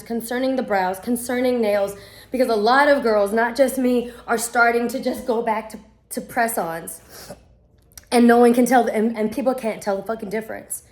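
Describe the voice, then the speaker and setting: A woman's voice: a little high, darkish tone. A young woman, ranting to the camera in an exasperated, profane storytelling way. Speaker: vlogger.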